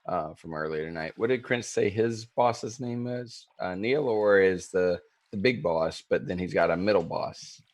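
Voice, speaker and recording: A man's voice: low-pitched, measured pace, few pauses. A man playing a tabletop game, chatting casually in a blunt, questioning way. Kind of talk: casual chat.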